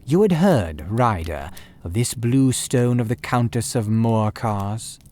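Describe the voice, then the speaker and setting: A man voicing a calm, sharp-witted male detective who speaks in a measured, dry and commanding way. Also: medium pitch.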